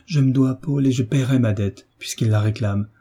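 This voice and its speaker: A man's voice: medium pitch, normal speed, dark tone, slightly rough. A man reading as a grieving young wife. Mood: despairing. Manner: anguished letter read aloud. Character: young woman, grieving and remorseful.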